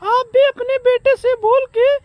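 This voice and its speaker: A woman's voice: very high voice, steady tone, unhurried, lo-fi sound. A woman playing a young village daughter-in-law who argues back in a comedy skit, over a noisy background. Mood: arguing. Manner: talks back, argumentative.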